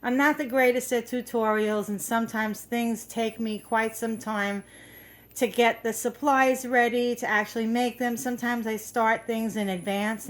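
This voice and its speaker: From her home, a middle-aged woman hosts a craft video, chatting casually in a mid-range voice as she shows and tells. She's a little out of breath and uses lots of fillers and restarts.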